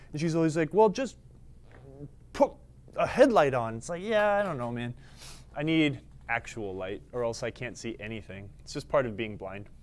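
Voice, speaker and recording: A man hosting a casual live stream, rambling and joking at his own expense while he fiddles with the camera and lights in a studio space at his workplace. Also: medium pitch. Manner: rambling, self-deprecating, talking to himself while adjusting the camera. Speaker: livestream host.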